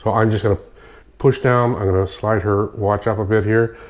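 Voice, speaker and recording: A man's voice: on the low side, steady tone, moderate pace, highs cut off. A man with a stuffy, nasal voice from a sinus infection, explaining a technique in a casual demonstration and often stopping to correct himself. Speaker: kinesiology practitioner. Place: indoor room at night, dim light. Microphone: phone.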